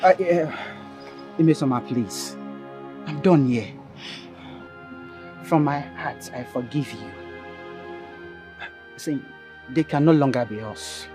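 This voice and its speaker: An actor playing a calm, resolute man who breaks off a relationship. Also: medium pitch, slow pace, long pauses, close to an everyday voice. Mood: firm. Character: firm man ending a relationship. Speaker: ex-lover. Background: film score music.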